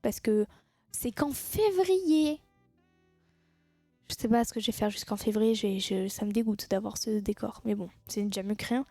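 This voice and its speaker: A woman's voice: medium pitch, moderate pace, mellow, no echo, faint music behind. A woman chatting casually with her viewers on a live stream, teasing them and laughing at her own jokes.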